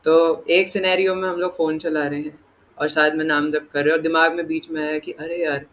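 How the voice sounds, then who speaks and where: A devotional teacher with a somewhat high, bright voice leads a casual scripture class at a brisk pace with flat delivery. He chats freely, keeps asking "right?" to get agreement, and acts out inner voices in dialogue, over slight background noise.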